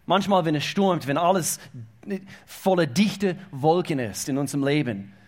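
Halting, higher-voiced male preacher. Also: animated. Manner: halting with repeated words, swings between hushed and loud. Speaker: pastor. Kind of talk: sermon.

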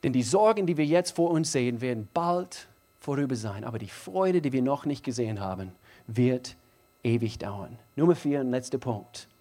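A man preaching a sermon, emphatic and repetitive, moving from hushed passages to loud, driving emphasis. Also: medium pitch, expressive, normal speed. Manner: emphatic, repeats phrases, builds from hushed to loud.

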